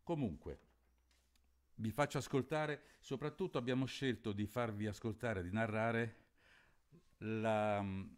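A low-voiced man presents and reads a novel aloud. He explains in a halting, thoughtful manner, pausing often to find his words. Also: steady tone. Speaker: literary reader and presenter. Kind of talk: reading a novel aloud with spoken introduction.

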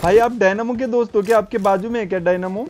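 Shy eager guy on game voice chat, loud music under him. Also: high voice, fairly even intonation, quick pace. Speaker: gamer in voice chat. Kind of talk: playful gaming banter.

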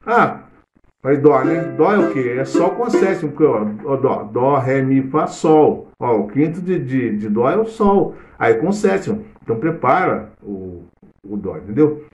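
A man's voice: medium pitch, big pitch swings, measured pace, faint music behind. A middle-aged man with a Brazilian Portuguese accent, teaching cavaquinho in a casual live lesson, explaining theory while he plays. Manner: chatty, explains theory while playing, hums and sings snippets. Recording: echoey room with loud cavaquinho playing.

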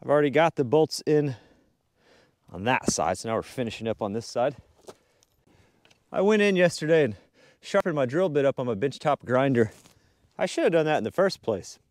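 A man's voice: mid-range voice, sing-song, normal speed, long pauses, dry recording, studio quality. A young man chatting casually while he builds a barn outdoors, explaining each step as he works. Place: outdoor wooded building site. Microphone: action camera mounted near the work.

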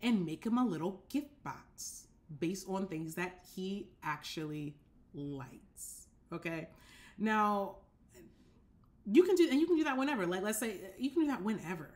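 A young woman hosting a casual dating-advice talk from her apartment, speaking straight to the camera, animated and direct, often checking that listeners follow. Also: medium pitch, measured pace. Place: apartment living room, indoors.

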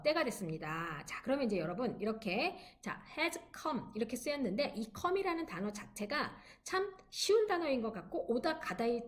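A woman giving an online English lecture, encouraging students and drilling phrases slowly for them to repeat. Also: a little high. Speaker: English teacher.

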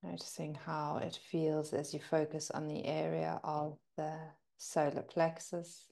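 A woman with a deep voice guides a breathing meditation, her delivery completely flat and touched with vocal fry. As a teacher she speaks gently and soothingly, pausing at length.

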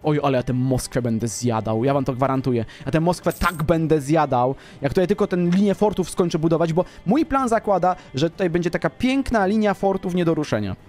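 A man's voice: fairly high pitch, expressive, a little fast, hardly any pauses, darkish tone, faint music behind. A man commenting casually on his own strategy game play, boastful and playful, talking straight to his viewers. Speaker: gaming commentator.

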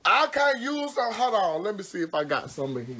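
A woman's voice: mid-range voice, very animated, fairly quick, a bit bright, husky. A woman on a phone livestream at home, talking casually and cursing freely while she does her own nails. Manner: brash, profane, exclamatory, frequent cursing. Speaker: social media personality.

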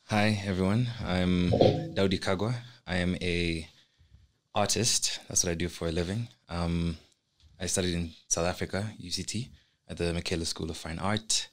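A man's voice: sits low, steady tone, moderate pace. A young man speaking as a guest on a studio podcast, talking earnestly and reflectively about his work. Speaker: guest, artist. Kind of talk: casual podcast conversation. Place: small indoor podcast studio. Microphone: studio microphone on a stand.

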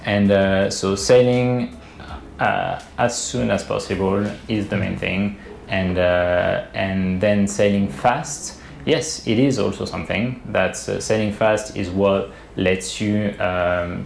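His voice is low-pitched and darkish, with vocal fry, as this man in his thirties, a boat designer, explains things in a video-call interview. Hesitant, he relies on many fillers and restarts. The indoor room comes through as roomy webcam audio with a faint hiss.

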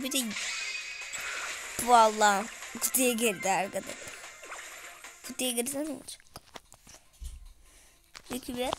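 A high-pitched woman streams a game and narrates her play in a loose, excitable way, often exclaiming and addressing her viewers directly. Game music plays steadily behind her voice. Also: rough recording. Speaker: gaming streamer. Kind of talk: casual gameplay commentary. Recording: music playing in the background.

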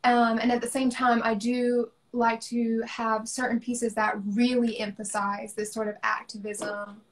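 A woman's voice: on the high side, flat delivery, measured pace. A young woman from the American South, an artist talking thoughtfully about her work over a video call, with frequent ums. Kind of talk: casual conversation on a livestream.

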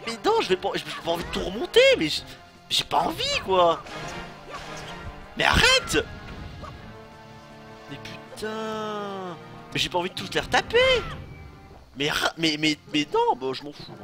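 Young man, lively streamer commentary, joking and swearing, fairly high voice, game music behind. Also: fairly quick, gravelly. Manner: joking, animated, swears, talks to chat. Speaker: let's play streamer. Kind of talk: casual gameplay commentary.

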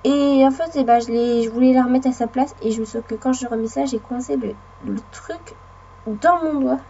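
A woman with a hoarse voice from a cold, sniffling while chatting and rambling through casual gameplay commentary, talking to the game and her viewers. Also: high-pitched, moderate pace, mellow, highs cut off, slight background noise. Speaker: let's play gamer.

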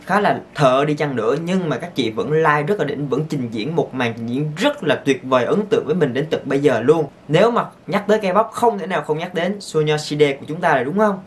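Excitable man. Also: a little high, brisk, hardly any pauses, slight background noise. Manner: excitable, exclamatory, gushing. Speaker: vlogger. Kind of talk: casual storytelling to viewers.

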